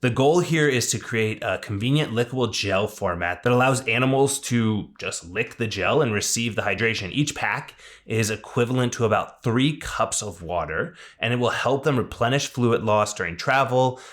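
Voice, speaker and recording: A man's voice: mid-range voice, normal speed, hardly any pauses, fairly bright tone. A man hosting a veterinary industry news podcast, talking through stories in a casual, conversational way with enthusiastic asides.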